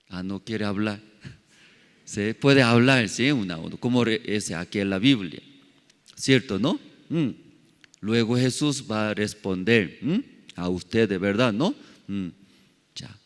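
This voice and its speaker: A male pastor preaching a sermon in halting, non-native Spanish, throwing many questions at his congregation and padding his phrases with fillers. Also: lowish voice, animated. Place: church sanctuary. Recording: long hall reverb.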